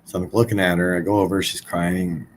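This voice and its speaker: Low-voiced blunt man telling a story. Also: level tone, a little fast, slight background noise, low-quality recording. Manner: blunt, swears freely, many fillers. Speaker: podcast guest. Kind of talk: casual storytelling.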